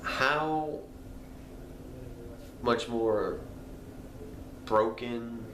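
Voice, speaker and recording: Very slowly, in a mid-range and fairly bright voice made nasal by a cold, the card game channel host rambles casually to his viewers. He keeps repeating himself and apologizing. The recording has room echo and faint background noise.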